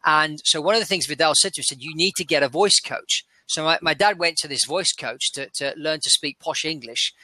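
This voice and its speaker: A man asking quick, eager questions in a casual interview chat over a video call. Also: a little high, pushed and bright, dry recording.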